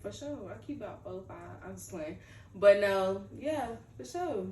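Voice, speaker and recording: A woman's voice: mid-range voice, lively intonation, normal speed, warm tone. A woman in her twenties hosting a casual girl-talk chat, loose and joking, laughing often. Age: 20s. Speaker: host. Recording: roomy, distant mic with faint noise.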